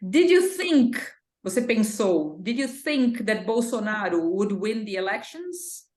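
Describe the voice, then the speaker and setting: A woman's voice: medium pitch, animated, slow pace, darkish tone. A woman with a Brazilian Portuguese accent, patiently teaching an English lesson and drilling pronunciation. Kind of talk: one-on-one language lesson. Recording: roomy echo.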